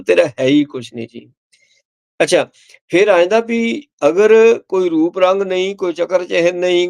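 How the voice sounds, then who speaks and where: A man, a Sikh preacher, explaining scripture line by line. He chants verses slowly, then explains them plainly, repeating key words and addressing listeners with "ji". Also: on the high side, creaky, a little mellow.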